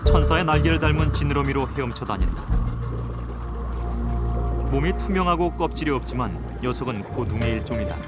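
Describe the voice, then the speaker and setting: A man narrates a nature documentary with loud music underneath. His delivery is measured and formal, as in a scripted broadcast, and his voice sits at a medium pitch for a man. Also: animated. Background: prominent background music.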